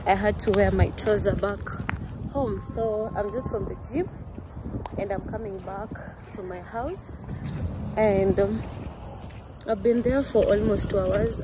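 A woman's voice: on the high side, noisy background. A young woman vlogging casually at home and on her way back, chatting to the camera in a confiding way. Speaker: vlogger and mother. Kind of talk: casual vlog chat. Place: at home, later walking outdoors.

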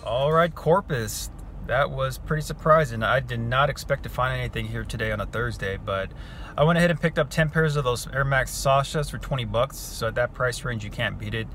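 Brisk and fairly bright at a medium pitch, the thirties-aged vlogger keeps up easy narration peppered with fillers, faint music playing behind him. He resells sneakers and shoots on an arm's-length phone between a parked car and retail stores.

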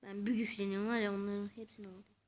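A woman giving excitable let's-play commentary to her viewers, muttering and whispering asides to herself as she plays. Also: medium pitch, very fast. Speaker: gaming channel host.

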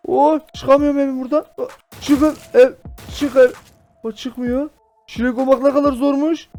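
High-voiced excitable gamer guy. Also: moderate pace, soft background music. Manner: excitable, jokey, addresses viewers. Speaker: gaming youtuber. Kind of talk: excited game commentary.

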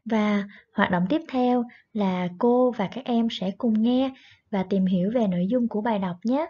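A woman's voice: medium pitch, moderate pace, mellow. A woman teaching a primary English class online, patiently explaining words and repeating each one twice. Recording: dull lo-fi recording.

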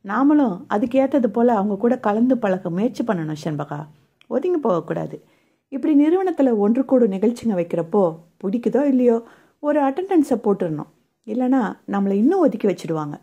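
A preachy young male coworker in a spoken novel, lecturing at length as he reasons his point. A woman reads him, her voice mellow and gravelly with a husky grain. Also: fairly high pitch, very animated, a little fast, highs cut off, heavily acted. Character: young man, preachy coworker giving advice.

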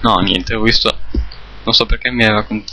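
A man commentates casually over his gameplay in a very bright, sharp-edged voice. He rambles and halts, correcting his own words as he goes. The sound is that of a cheap computer mic, with faint noise and clicks behind him. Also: fairly low pitch, steady tone, low-quality recording. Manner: rambling, self-correcting, halting. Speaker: gamer recording a let's play.

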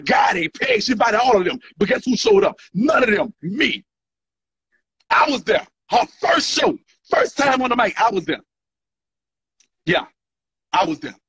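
Filming himself indoors with his phone at arm's length, a man unleashes an angry, profane tirade at his followers, waving his arms and saying the same things over and over. His voice is high and husky with a fairly bright tone. Dull, lo-fi phone audio captures the selfie-video rant.

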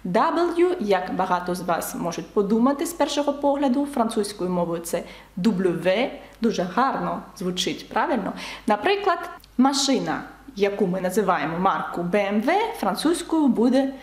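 A woman's voice: mid-range voice, echoey room. A woman teaching a beginners' French lesson, explaining with emphasis and repeated examples.

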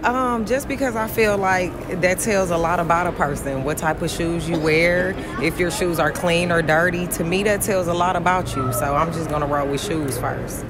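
A young woman giving a thoughtful, soft-spoken answer in a shopping mall interview. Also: lowish voice, normal speed, few pauses, heavy background noise.

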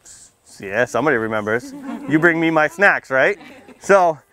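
A firefighter addresses children in a simple, interactive safety talk, his voice on the high side, animated and bright with a forceful push at a moderate pace. The setting is outdoors beneath a tent canopy beside a building, with a small seated crowd. He teases playfully and regularly asks questions, checking in with "okay" and "right."

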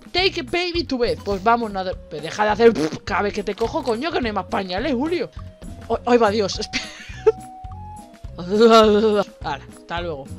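A young woman, chatting casually as she plays a horror game, cursing and shouting in fright. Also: mid-range voice. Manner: swearing, jokey, exclaims loudly in fright. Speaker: gaming streamer.

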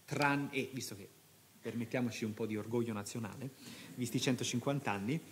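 A man's voice: medium pitch, brisk, slight background noise. A man lecturing to an audience, reading passages aloud and commenting with impassioned, rhetorical asides.

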